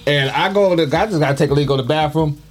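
A man's voice: on the high side, quick pace. Man telling loose stories, faint music. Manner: loose anecdotal storytelling with profanity and slang. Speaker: podcast co-host. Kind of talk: casual storytelling chat.

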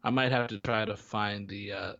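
A man co-hosting a podcast, chatting casually and rambling through restarts and fillers. His voice sits fairly low. The recording is dull and lo-fi. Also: steady tone, normal speed, vocal fry, bright, forceful tone, no room sound. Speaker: podcast co-host. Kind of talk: casual chat. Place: home in Florida.

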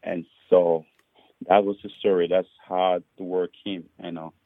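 A man's voice: low-pitched, little pitch movement, measured pace, dry recording. A man from Liberia, a pastor and author, earnestly telling his testimony in a podcast interview and often repeating his first words. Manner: earnest, repeats words when starting sentences. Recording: muffled phone-like line.

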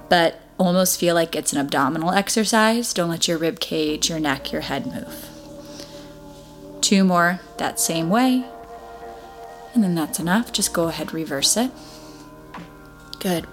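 Female Pilates instructor, lowish voice, encouraging step-by-step cueing over clear background music. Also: a bit bright. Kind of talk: guided exercise class instruction.

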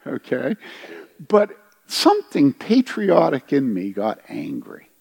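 A man's voice: wildly swooping pitch, slow pace, vocal fry, darkish tone, breathy edge. A middle-aged pastor from the United States telling a story in a conversational sermon, questioning his listeners and acting out the quoted voices. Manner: conversational, asks the congregation questions; acts out quoted voices with big pitch jumps.

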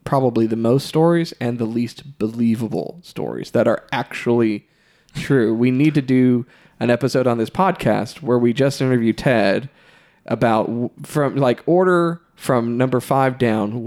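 A man of middle pitch talking on a podcast in an unhurried, considered way. He weighs his words and pauses to reflect. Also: vocal fry, darkish tone. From Texas. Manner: thoughtful, measured, occasional laughs. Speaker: podcast host, music store employee. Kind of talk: casual podcast conversation.

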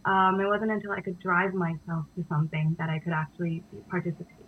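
A woman's voice: lowish voice, flat delivery, a little fast. A young woman born in India, a dance company co-founder, answering interview questions thoughtfully with frequent fillers. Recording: dull, lo-fi sound.

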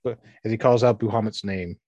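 A man acting as game master of a tabletop game, counting damage and describing scenes in slow, dramatic narration. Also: lowish voice, steady tone, darkish tone, no echo.

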